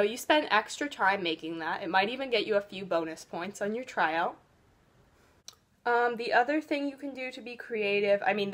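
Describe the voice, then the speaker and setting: A teenage girl chatting casually while doing her makeup, giving earnest cheer tryout advice with lots of fillers. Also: mid-range voice. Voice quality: loud voice. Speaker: beauty vlogger. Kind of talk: casual get-ready-with-me chat.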